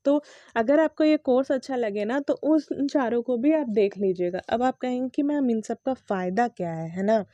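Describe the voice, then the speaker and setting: A high-pitched woman with an Indian English accent gives a patient pronunciation lesson, sounding out each word again and again. Her tone is soft and mellow, and the recording is close and dry with no room sound. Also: no echo, muffled recording. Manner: patient, repeats words slowly and mixes Hindi with English.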